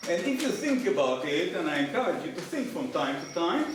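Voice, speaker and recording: A man's voice: a little high, very animated, brisk. Older Israeli man lecturing in a hall. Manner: dry humor, conversational, addresses the audience directly. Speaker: professor giving a lecture. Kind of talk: public lecture. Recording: distant mic, echoey hall, background noise.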